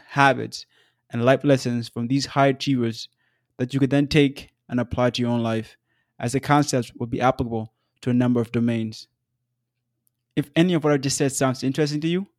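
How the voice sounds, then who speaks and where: Man in his twenties, from South Sudan, podcast host; measured and earnest, average pitch, dry close-mic read. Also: dry recording. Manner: measured, earnest, with occasional fillers. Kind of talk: scripted solo podcast narration.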